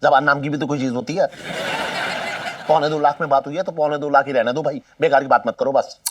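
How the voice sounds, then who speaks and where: An actor playing an irritable brother-in-law in a sitcom, scolding and exasperated. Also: male voice, a little high, fairly even intonation, fast talker, lo-fi sound, a little hiss or hum, natural voice. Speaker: comic actor. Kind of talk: sitcom acting. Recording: distant mic with music behind.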